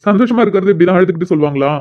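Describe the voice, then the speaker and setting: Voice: medium pitch, lively intonation, highs cut off, lightly acted. A performer voicing a caring older brother who teases and comforts his sister, in a cartoon. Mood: teasing. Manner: teasing, reassuring, quick. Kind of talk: cartoon voice acting.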